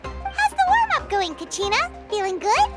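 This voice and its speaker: A chirpy little girl companion from a video game, with a piercing high voice that bounces all over. She chatters in a friendly, caring way. Loud game music fills the background. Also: huge pitch swings, moderate pace, exaggerated voice.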